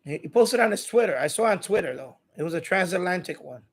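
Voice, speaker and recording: Animated and fast-talking, this man has a high-pitched, slightly rough voice. He runs a casual live stream for a radio hobby channel, rambling informally to his chat and often saying the same phrases again.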